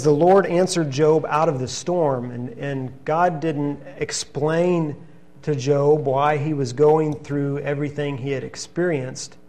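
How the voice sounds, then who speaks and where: A man preaching a sermon, reading scripture passages in an earnest, steady teaching manner. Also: fairly high pitch.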